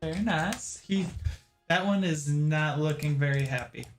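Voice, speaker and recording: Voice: mid-range voice, a little slow. A game master refereeing a tabletop role-playing session in a casual way, with music behind.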